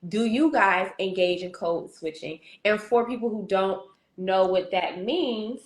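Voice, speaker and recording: A woman's voice: mid-range voice, a little slow, echoey room, poor audio. A woman hosting a casual conversation, asking questions and reading prompt cards aloud. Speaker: host.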